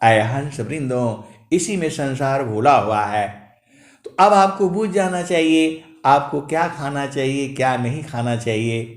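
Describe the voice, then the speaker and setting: A man in his late fifties, a spiritual preacher telling anecdotes with a chuckle and chanting couplets in a long, drawn-out tune. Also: medium pitch, lively intonation. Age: late 50s. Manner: drawn-out sung recitation of couplets between anecdotes; chuckles while telling stories. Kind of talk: storytelling sermon with chanted verses. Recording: echoey room.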